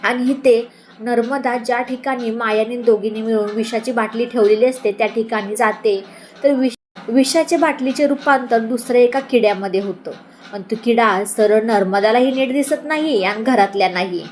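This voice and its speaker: A woman's voice: a little high, normal speed, a little mellow. A woman casually retells a TV serial episode, slipping into the characters' lines as she goes. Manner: storytelling, slipping into quoted dialogue. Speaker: TV serial recap narrator.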